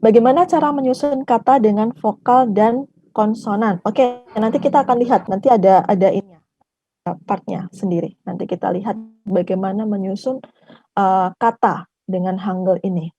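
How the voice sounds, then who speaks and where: A woman teaching an online language class, patiently repeating each syllable slowly for her learners. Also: mid-range voice, dark tone, highs cut off.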